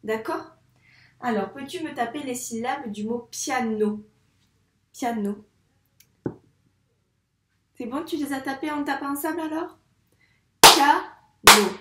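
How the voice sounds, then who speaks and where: Patient schoolteacher, woman, slow and higher-pitched, phonics lesson, echoey room. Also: background noise. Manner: patient, repeats sounds slowly and asks questions to a child. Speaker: primary school teacher. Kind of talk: phonics lesson for young children.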